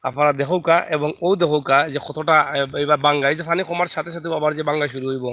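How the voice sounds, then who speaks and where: Man, Sylheti accent, live outdoor vlog, phone mic, greets viewers by name, somewhat high pitch. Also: fairly even intonation, fast talker, pushed and bright. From Bangladesh. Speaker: vlogger. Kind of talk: live video chat while filming outdoors. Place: riverside village outdoors.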